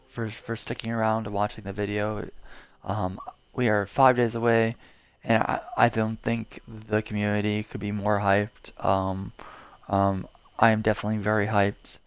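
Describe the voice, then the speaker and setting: A young man talks through his gameplay in a casual, meandering way, stacking fillers and restarts. His voice sits a bit low and comes through smooth and resonant. The recording is dry and close, with no room sound. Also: no room sound. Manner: rambling, lots of fillers and swearing. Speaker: gaming video creator.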